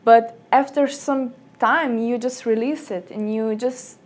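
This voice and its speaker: This young woman from Slovenia talks in slightly high-pitched, second-language English. She tells stories in an animated way, often jumping into brighter voices to mimic the people she quotes. She sounds like she's in a small office room. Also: slow. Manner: lively storyteller, acts out quotes in a higher voice. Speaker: guest. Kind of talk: casual interview chat.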